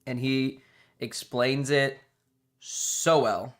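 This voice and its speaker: With a mid-range voice, steady tone and drawn-out words, a man rambles eagerly on a livestream in a casual chat, dropping the odd swear word. Music is playing behind him.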